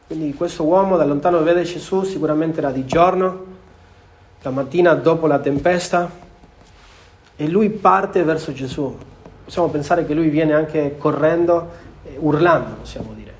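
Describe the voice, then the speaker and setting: A man with a notably high voice delivers a sermon as a preacher. He speaks earnestly, restating key phrases for emphasis as he explains the passage to his listeners. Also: moderate pace, darkish tone.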